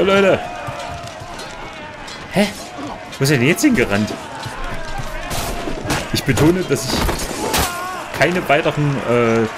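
A man giving casual let's play commentary, grumbling and chatting with himself and his viewers. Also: medium pitch.

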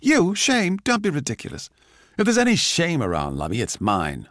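Man putting on shrill, hot-tempered young Constanza. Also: huge pitch swings, moderate pace, fairly bright tone, no echo, clean studio sound. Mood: wild rage. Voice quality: screechy.

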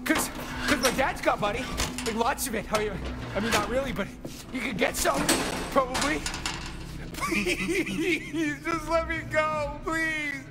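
A man's voice: very high-pitched, measured pace, over loud music. A man playing a terrified young captive in a video game, begging and bargaining desperately like a cornered crook. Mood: desperate pleading.

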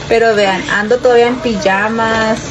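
With her phone held out at arm's length, a thirty-something mom vlogger talks casually to her "girls" from indoors at home, moving between the kitchen and bedroom. She speaks at a measured pace in a highish voice with fairly even intonation, and the recording is rough.

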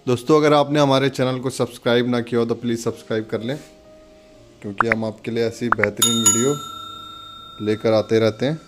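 Over music, a channel host with a medium-pitched, steady voice talks a little fast as he casually demonstrates a product step by step, pointing out details in an instructional way.

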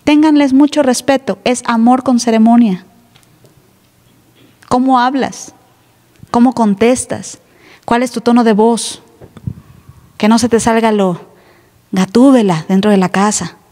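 Woman pastor, emphatic sermon, fairly high voice, echoing church hall. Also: fairly even intonation, slow pace, pauses often, warm tone. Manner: emphatic, teasing, plays other voices. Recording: live church hall reverb.

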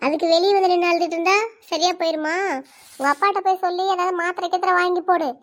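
A woman's voice: extremely high pitch, level tone, fast talker. A woman voicing a harsh, bossy middle-aged stepmother who gives curt, impatient orders in a cartoon. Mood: scolding. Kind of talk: cartoon voice acting.

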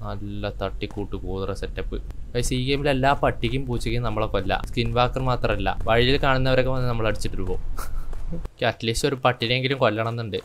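A man with a Kerala Malayalam accent commentating a horror game for his channel, chatty, shouting in sudden bursts when attacked. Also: mid-range voice, fairly quick, slight background noise. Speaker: gaming YouTuber. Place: indoors with rain heard outside.

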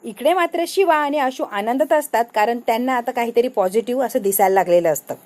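A woman's voice: fairly high pitch, a little fast, darkish tone. Female recapper, dramatic storyteller, voices every character herself. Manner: dramatic storytelling, reads all characters' lines. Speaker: serial episode reviewer. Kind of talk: animated episode recap.

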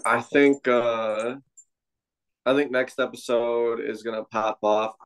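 A man's voice: mid-range voice, level tone, slow, a crowd in the background, low-quality recording. A young man hosting a casual, joking review chat, laid-back and profane. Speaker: podcast host.

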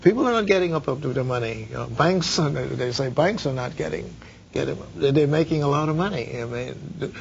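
An older man from the Bahamas interviewing a guest in a TV studio, halting, with many repeated words and fillers. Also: fairly high pitch, animated, gravelly, dull audio, a little hiss or hum. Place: dark TV studio. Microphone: lapel mic.

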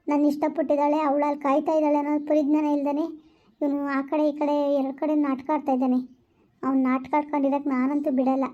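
Woman doing a scheming young woman, set on her plan, high and fast, dull sound. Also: mellow, close to an everyday voice. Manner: determined, emphatic. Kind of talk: village family drama acting. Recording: dull lo-fi recording.

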